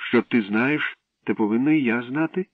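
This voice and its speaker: A man's voice: medium pitch, normal speed, no room sound, far from the mic, voice pushed up, lightly acted. A man reading aloud, voicing a curious, sly village girl who keeps asking questions. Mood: eager. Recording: dry tinny radio broadcast.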